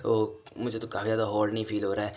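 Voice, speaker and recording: A man's voice: on the low side, completely flat delivery, fast, darkish tone, muffled recording, natural voice. A man voicing an awkward, flustered young husband who stammers and hesitates.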